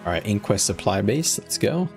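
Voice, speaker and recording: A man's voice: lowish voice, very animated, normal speed, vocal fry, over music. A man giving casual gameplay commentary as a streamer, informal and slangy, thinking aloud as he goes. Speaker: gaming streamer.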